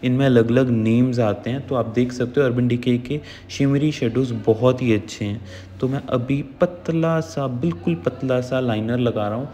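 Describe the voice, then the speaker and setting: A man's voice: medium pitch, normal speed, dark tone, big-room sound, a little hiss or hum. A man talking through a makeup tutorial as the channel's makeup artist, in a chatty, instructive way, mixing English words into his speech.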